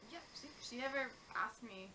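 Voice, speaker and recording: A young woman co-hosting a casual vlog chat, blunt and quick to chime in with advice. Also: fairly high pitch, crowd noise. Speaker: vlog co-host.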